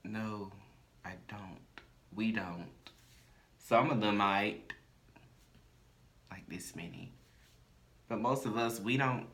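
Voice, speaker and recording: A man's voice: fairly low pitch, slow pace, long pauses, a bit bright. A man co-hosting a podcast in casual chat, blunt and playful. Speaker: podcast co-host.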